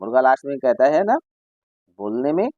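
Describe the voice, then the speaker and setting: A man's voice: medium pitch, sing-song, brisk, no echo, muffled recording. A male Sanskrit teacher explaining a school lesson to children. He reads Sanskrit lines, then explains each one in Hindi, and imitates bird calls as examples.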